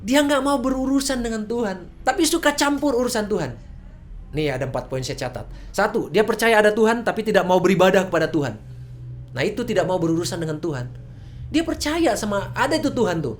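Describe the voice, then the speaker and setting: A woman's voice: mid-range voice, lively intonation, a little fast. A woman preaching a sermon in a church service, casual and conversational, often asking rhetorical questions.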